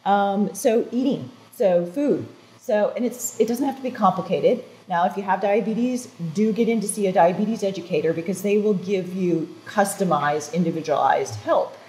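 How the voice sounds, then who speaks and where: Recorded on a lapel mic with poor audio, an older woman of medium pitch talks at normal speed with few pauses. She's a wellness guest on a studio talk show, explaining health advice earnestly and animatedly with her hands, with restarts and fillers such as "so" and "um," in an informative interview on a TV studio set.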